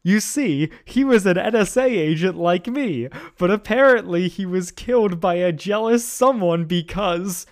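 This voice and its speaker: A man's voice: a little slow, few pauses. A man reading as an eager young man. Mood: earnest. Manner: read aloud in a slightly raised pitch.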